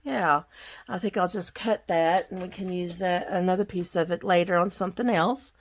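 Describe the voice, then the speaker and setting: A woman's voice: fairly low pitch, moderate pace, slight background noise. A woman from Kentucky with a Southern accent, chatting casually and rambling folksily as she walks through a craft project at her home work table. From Kentucky, USA. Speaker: craft vlogger. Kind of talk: casual crafting tutorial chat.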